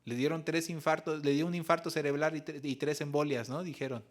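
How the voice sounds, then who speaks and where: A man preaching a sermon as pastor, telling personal stories in an earnest way that moves from soft reflection to raised emphasis. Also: fairly high pitch, steady tone, brisk. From Mexico. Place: church service.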